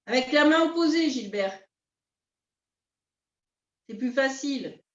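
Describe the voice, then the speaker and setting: A woman teaching a beginners' qi gong class, calmly guiding her students step by step. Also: sits high. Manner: calm, unhurried, step-by-step guidance. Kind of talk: guided class instruction. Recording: roomy, distant, dull sound.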